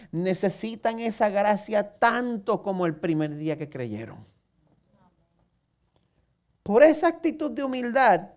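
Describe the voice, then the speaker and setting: This man's high-pitched, darkish voice carries a Puerto Rican accent; he is a pastor from Puerto Rico. In an earnest sermon, he addresses questions directly to listeners and mocks himself with humor.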